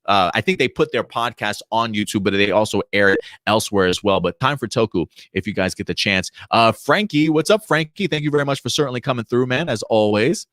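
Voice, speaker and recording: Chatty man in his thirties, low voice. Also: brisk, few pauses, fairly bright tone, dry recording, clean studio sound. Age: 30s. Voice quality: fillers and restarts, enthusiastic. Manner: chatty, reads out viewer comments. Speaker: podcast co-host. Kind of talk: casual livestream chat.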